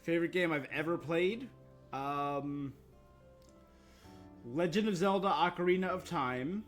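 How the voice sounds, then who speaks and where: Over video game music, a man with a fairly high voice talks a little slowly and casually to his livestream audience, keeping things relaxed and conversational.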